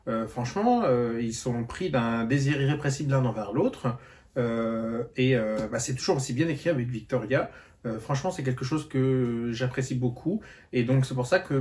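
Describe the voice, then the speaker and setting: A book vlogger, sounding tired, gives his viewers a relaxed reading update in an ordinary-pitched voice. He hesitates a lot, stalling on fillers and restarting sentences, and the whole thing has a loose, casual vlog feel.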